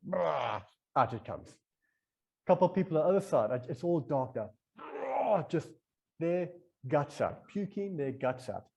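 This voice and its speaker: A man in a casual podcast conversation, telling a long story in a rambling, animated way and acting out his own inner voice as he goes. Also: a little high, normal speed, breathy edge, lo-fi sound.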